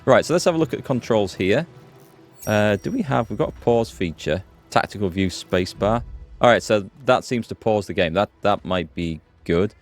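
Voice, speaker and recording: A gaming streamer plays a strategy game live, chatting casually, thinking out loud and greeting viewers by name. His voice is on the low side and expressive, at a moderate pace, with faint music in the background.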